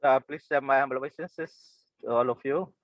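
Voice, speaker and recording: A man's voice: mid-range voice, brisk, dry recording, highs cut off. A man from Fiji telling his life story as a guest speaker, hesitant, with many fillers and restarts. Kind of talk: personal storytelling.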